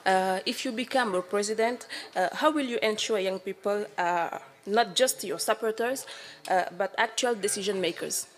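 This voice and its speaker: A woman's voice: medium pitch, normal speed. Polite woman from Senegal asking a question. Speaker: audience member asking a question.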